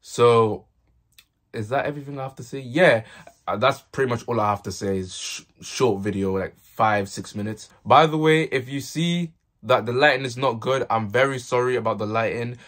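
A man's voice: medium pitch, moderate pace, a bit bright. Young man with urban roadman slang. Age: young adult. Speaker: vlogger. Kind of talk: casual chat to camera. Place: small plain bedroom, indoors. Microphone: handheld earphone-wire mic.

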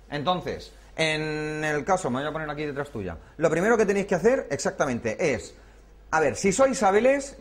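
A man runs a hands-on class in a training room. His voice sits a little on the high side, and he explains each step patiently while checking that everyone is following. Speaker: workshop instructor.

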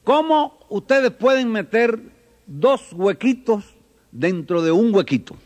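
A man's voice: sits high, animated, slow, darkish tone, pitched above the performer's own voice. A man voicing an adult female schoolteacher who talks in a patient, sing-song way to children. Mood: sing-song teaching. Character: sweet schoolteacher, adult woman.

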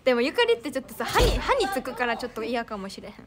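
A woman's voice: sits high, big pitch swings, racing, a crowd in the background. A young woman with a Kansai accent, chatting casually on a live stream, giggling often as she thanks fans and reads their comments. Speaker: idol streamer.

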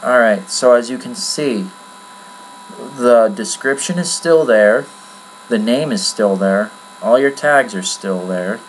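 A man's voice: medium pitch, slow, rough recording. Offhand man with a faint mains hum. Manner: rambling and offhand, with many fillers. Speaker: tutorial maker. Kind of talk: casual screen-recorded software tutorial.

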